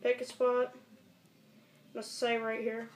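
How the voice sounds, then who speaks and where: The delivery is completely flat, slow, and mid-range as a young teen amateur video maker rambles casually through an improvised tutorial vlog, muttering and cursing. The audio comes from a camera mic in a small bedroom and is echoey and noisy.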